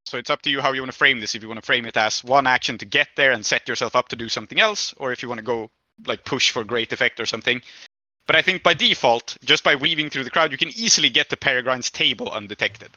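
A man with a very bright, forward voice runs a tabletop game, explaining rules and describing scenes in a relaxed, chatty way. His voice sounds dry and close, with no room around it, on a slightly dull, lo-fi mic. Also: mid-range voice, fast talker, dry recording. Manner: casual, explanatory. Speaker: game master.

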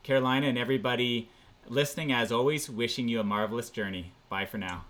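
A podcast host interviewing a guest, asking unhurried questions with fillers. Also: mid-range voice, fairly bright tone, a little hiss or hum.

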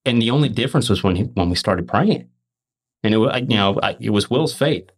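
Animated and lowish in voice, this podcast host gives an earnest testimony of faith. His delivery is emphatic and fast, with repeated restarts and words said over again.

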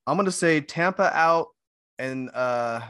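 A man's voice: on the high side, unhurried, bright, forceful tone, clear, resonant tone, no echo, studio quality. A man co-hosting a casual sports podcast, hesitant, mulling his picks aloud with hums and fillers. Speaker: podcast co-host.

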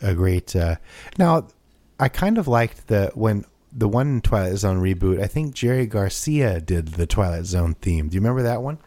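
A man with a lowish voice that jumps around a lot, chatting eagerly on a podcast. He is animated and laughs easily as the talk goes back and forth. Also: moderate pace, dry recording. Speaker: podcast co-host. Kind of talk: casual chat.

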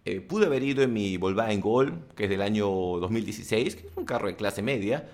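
A man giving motivational tips in a casual monologue to camera, blunt and crude with animated asides. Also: on the low side, fairly quick. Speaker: self-help vlogger and coach.

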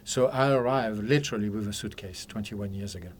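A man's voice: fairly low pitch, brisk, a little hiss or hum. A man in his seventies from Algeria and France, a psychic counsellor guest telling rambling stories with frequent laughs in a podcast studio. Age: 70s. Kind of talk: casual interview chat.

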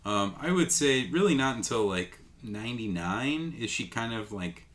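A man's voice: medium pitch, animated, normal speed, fairly bright tone. A man co-hosting a casual movie discussion, rambling with lots of "like" and "um". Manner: rambling, many fillers like "like" and "um". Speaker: podcast co-host.

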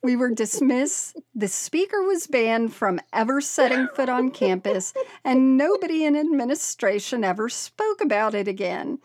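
A woman's voice: sits high, lively intonation, normal speed, few pauses, a little mellow, a little hiss or hum. A woman podcast co-host reading a listener's story aloud, often breaking into laughter and exclamations.

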